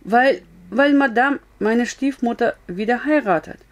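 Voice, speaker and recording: A timid, tearful young girl, as a woman reading aloud puts her on. Her voice climbs clearly higher than the reader's own, pleading and strained, a storybook girl close to tears. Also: a little slow, natural voice.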